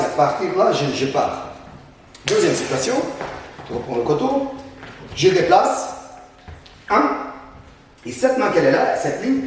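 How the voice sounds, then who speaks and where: Man, self-defense instructor, slightly high voice, distant, roomy hall echo, faint hiss. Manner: punctuates moves with sound words. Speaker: Krav Maga instructor. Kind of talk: demonstrating self-defense techniques.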